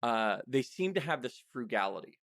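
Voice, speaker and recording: Speaking at medium pitch with big pitch swings, vocal fry and a slightly bright tone, this podcast host and interviewer keeps things casual and conversational. He interrupts himself, stops and restarts while thinking aloud, and the clean studio sound has no echo.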